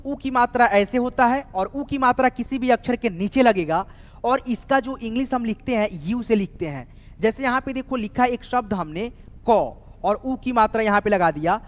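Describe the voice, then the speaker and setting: A man giving a spoken lesson on writing names, spelling words out letter by letter and often checking back with his students. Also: very high voice. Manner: keeps saying "doston" and "theek hai", spells words out letter by letter. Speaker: English teacher. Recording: reverberant room recording.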